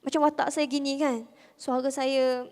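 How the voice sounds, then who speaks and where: A Malaysian woman speaking with a Malaysian Malay accent, giving a lively, conversational religious talk to a convention audience in a soft voice, full of rhetorical questions. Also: high-pitched, normal speed. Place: large convention hall. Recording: hall reverb from the venue.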